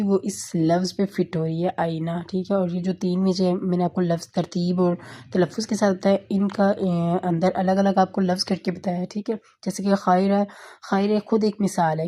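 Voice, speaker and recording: A woman tutor patiently explaining a tajweed lesson, often checking in with "okay", slowing down to recite verses. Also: lowish voice, little pitch movement, warm tone. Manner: patient, repeats "theek hai" often; slows down to recite Quranic verses.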